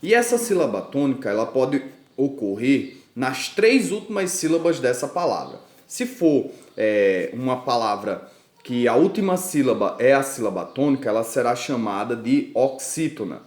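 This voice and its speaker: A man's voice: mid-range voice, big pitch swings, normal speed, a little mellow, roomy sound. A man with a Brazilian Portuguese accent teaching a grammar lesson to schoolchildren, patiently drawing out and stressing syllables in his examples.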